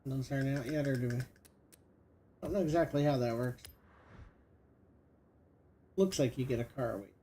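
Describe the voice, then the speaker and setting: Mellow middle-aged man rambling about his game. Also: mid-range voice, normal speed, pauses often. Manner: rambling, thinking aloud with fillers. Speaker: gaming streamer. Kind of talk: casual gameplay commentary.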